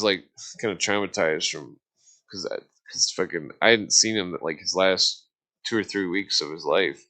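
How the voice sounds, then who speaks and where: A middle-aged man speaks in a low yet bright voice that slips into vocal fry. He rambles through casual stories in a halting way, doubling back on himself and using profane, slangy language.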